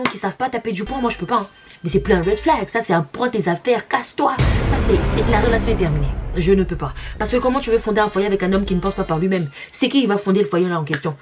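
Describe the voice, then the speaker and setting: A young woman from Congo, whose first language is Lari, reacting bluntly to comments in a slangy, mocking casual vlog. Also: medium pitch.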